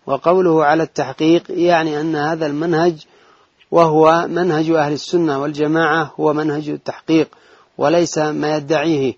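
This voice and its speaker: A man reading a religious text aloud in a lesson, in a measured recitation with brief asides. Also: fairly high pitch, level tone, no room sound. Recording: dull lo-fi dry recording.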